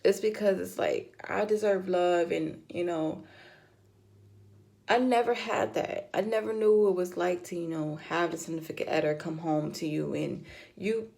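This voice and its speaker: A woman's voice: lowish voice, fairly even intonation, normal speed, vocal fry, darkish tone. A middle-aged woman vlogging casually to her camera, rambling and heartfelt with many fillers. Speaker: vlogger, mom of four. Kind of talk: casual personal vlog, talking to camera.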